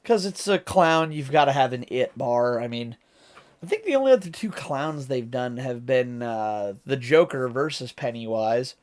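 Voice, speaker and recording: A man's voice: medium pitch, lively intonation, normal speed, darkish tone. A man from Ohio with an American accent, hosting a reaction video and explaining lyrics in a casual, rambling way as he thinks aloud. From Ohio, United States.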